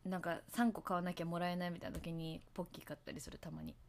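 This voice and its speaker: A woman's voice: lowish voice, little pitch movement, rapid-fire, slight background noise. A woman hosting a casual livestream, chatting to her viewers in a rambling way and laughing at herself. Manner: hums and sings along to songs between topics. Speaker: livestream host.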